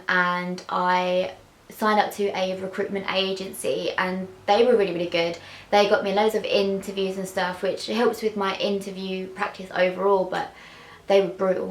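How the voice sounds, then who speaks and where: Sitting in a small bedroom with noticeable echo, a young Englishwoman shares her thoughts frankly on camera. She stutters through sound and word repetitions and fills gaps with "like." Her voice is neither high nor low.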